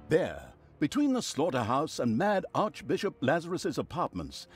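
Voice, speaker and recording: A man's voice: on the high side, a little mellow, breathy edge, full character voice. A man voicing a sardonic game narrator who tells the story with mocking, theatrical asides. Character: sardonic male narrator who gloats over evil deeds.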